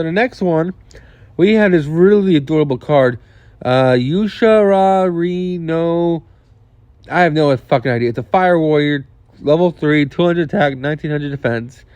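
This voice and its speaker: A man's voice: on the high side, a little mellow, no room sound. A young man casually reviewing game cards, thinking aloud with frequent restarts and the odd swear word. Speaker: card game video host. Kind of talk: casual card review commentary.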